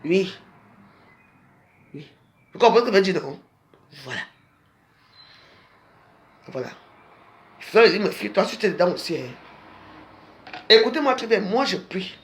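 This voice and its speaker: A woman hosting a live stream, delivering a repetitive, preachy rant to her viewers that swings between low murmurs and loud, high outbursts. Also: sing-song, unhurried, pauses often.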